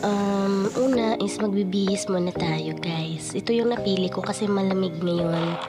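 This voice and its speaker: A woman with a cold and a cough, speaking through a voice changer that pitches her voice down. She chats casually to viewers while narrating a morning routine. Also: moderate pace. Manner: chatty, addresses viewers as guys. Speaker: vlogger. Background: loud background music.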